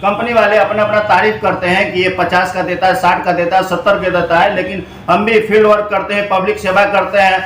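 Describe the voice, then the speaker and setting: A man's voice: high-pitched, level tone, a little fast, few pauses, a bit bright. Echoey, long-winded male interviewer. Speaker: local channel reporter and interviewer. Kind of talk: on-location interview. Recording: echoey room with faint noise.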